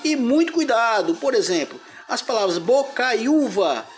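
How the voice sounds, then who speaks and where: A man's voice: extremely high pitch, very animated, moderate pace, soft background music. Male teacher explaining syllables. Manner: explains step by step, repeating words and splitting syllables. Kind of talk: grammar lesson.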